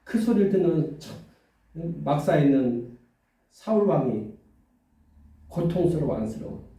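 A man preaches a sermon in a high, animated voice, full of swings in pitch. He keeps tossing questions to the congregation and acts out the voices of the story. His mellow tone echoes heavily through a church hall, picked up from a distance. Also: measured pace. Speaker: pastor. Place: church sanctuary.

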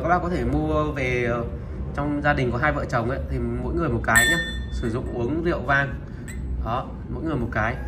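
A man presenting used Japanese goods for sale, item by item, in a steady and repetitive way. He talks to viewers familiarly and fills his pauses with filler sounds. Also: medium pitch. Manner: steady, repetitive, opens nearly every line with a pointing word. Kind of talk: product showcase sales talk.

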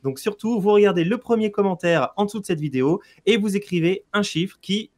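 A playful man co-hosts a gameplay video in loose casual chat. His voice sits a little high, and he talks in a chatty, meandering way. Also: a little fast, a little mellow. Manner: chatty, playful, lots of fillers. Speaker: let's play co-host.

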